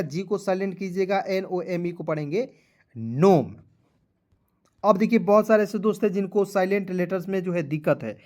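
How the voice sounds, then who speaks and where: A tired man teaching an online lesson, spelling out English words letter by letter, then slowly saying each one while checking that viewers follow. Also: high-pitched, darkish tone. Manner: keeps addressing viewers as friends, checking "clear?".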